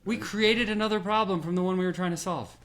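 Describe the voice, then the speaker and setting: A middle-aged man, a podcast guest, telling his business story in a lively way and acting out the quotes. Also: high voice, fast.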